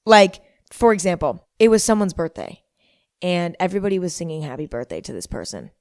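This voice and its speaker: Hungover female podcast host, young adult, rambling casually in a lowish register, close dry sound. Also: lively intonation, fairly quick, a little mellow, no room sound. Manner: repeats herself for emphasis.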